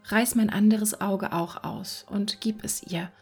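A woman voicing a selfless, sorrowful prince statue in a whispered role-play, gentle in manner. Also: mid-range voice, steady tone, slow pace, husky, soft background music.

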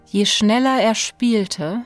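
A woman reads a fairy tale aloud in a slow, unhurried way. Her voice sits at a middling pitch and stays steady and even. Soft music plays faintly behind her. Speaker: narrator.

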